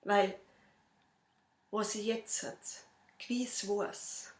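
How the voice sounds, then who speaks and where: A woman with a Bavarian accent, a cabaret performer reciting a dialect poem in a measured, rhythmic way. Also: medium pitch, fairly even intonation, roomy sound. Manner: measured, rhythmic verse delivery.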